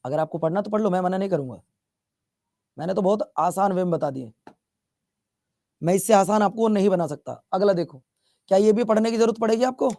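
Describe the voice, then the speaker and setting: A man's voice: high-pitched, brisk, pauses often, dark tone, no echo, clean studio sound. A male teacher from Bihar giving a chatty classroom lecture, repeating his questions and teasing students as he scolds them. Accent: Bihar Hindi.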